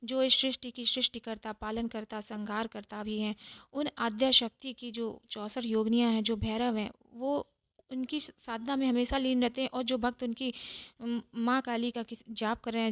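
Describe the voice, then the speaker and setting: A woman giving a calm devotional talk, explaining step by step and repeating phrases for emphasis. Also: a little high, dry recording. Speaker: spiritual teacher.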